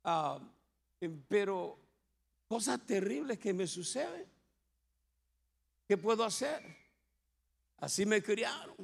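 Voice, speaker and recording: A pastor with a Puerto Rican accent tells his own life story from the pulpit, joking and acting out the people in it. His voice sits high and carries a gravelly edge. It rings out with a long reverb through a church sanctuary. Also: big pitch swings, slow pace, pauses often. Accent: Puerto Rican Spanish. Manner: humorous storytelling with acted quotes. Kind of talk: testimony sermon.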